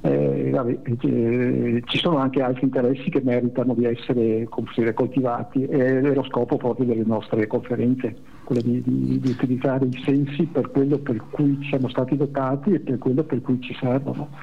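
A man's voice: medium pitch, level tone, moderate pace, creaky. A man talking on speakerphone over a phone line, indignant and stammering through restarts. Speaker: phone-in guest.

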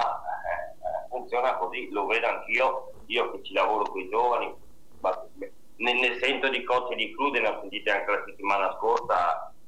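A man's voice: on the low side, fairly bright tone, slight background noise. A man calling in to a radio show on speakerphone, sounding distant. He talks in an earnest, moralizing way and stumbles on repeated syllables. He works with young people. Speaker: radio call-in caller. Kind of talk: opinionated call-in talk. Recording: echoey distant speakerphone call.

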